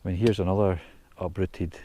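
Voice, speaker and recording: A man's voice: low-pitched, little pitch movement, a little fast, dark tone. A man vlogging outdoors in pine woods, chatting and thinking aloud while he works, a little out of breath. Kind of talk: casual outdoor vlog narration.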